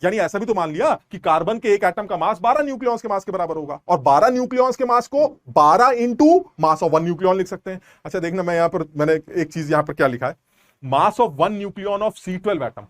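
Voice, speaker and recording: Male tutor, high voice, dry close sound, explains and quizzes the class. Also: animated, fairly quick, no room sound. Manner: explains step by step, asks students rhetorical questions. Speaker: chemistry teacher. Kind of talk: online class lecture.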